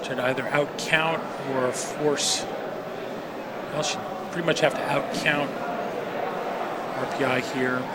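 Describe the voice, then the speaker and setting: A man giving live curling commentary in a measured, understated way with some hesitations. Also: fairly even intonation. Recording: very noisy, loud ambient machinery-like rumble.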